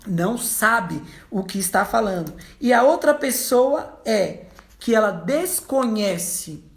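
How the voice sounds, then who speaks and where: A Brazilian woman, a psychologist, explaining casually to viewers as a lively storyteller who acts out the people she quotes. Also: mid-range voice, takes it slowly, reverberant.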